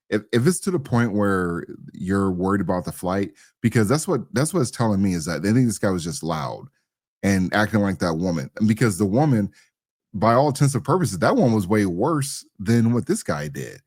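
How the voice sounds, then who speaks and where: Man, low voice, dry close sound, slangy, rambling, opinionated talk show commentary. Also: a little mellow, no echo. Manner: slangy, rambling, repeats phrases.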